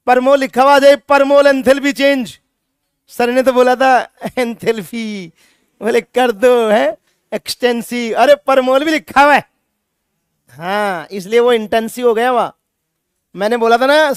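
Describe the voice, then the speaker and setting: A man's voice: extremely high pitch, clean tone, no room sound, clean studio sound. A male chemistry teacher lecturing a classroom, scolding students and repeating his points with emphasis.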